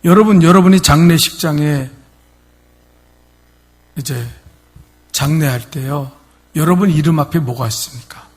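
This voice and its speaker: A man's voice: a little high, breathy edge. A male pastor preaching a sermon, emphatic, speaking directly to his congregation in church. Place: church sanctuary.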